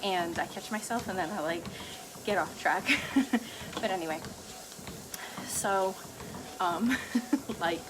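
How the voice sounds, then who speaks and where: Lady chatting off the cuff while walking on a treadmill, kinda low voice, lots of noise in the background. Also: takes it slowly, pauses often. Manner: laughs lightly between phrases. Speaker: vlogger. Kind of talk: casual rambling solo talk.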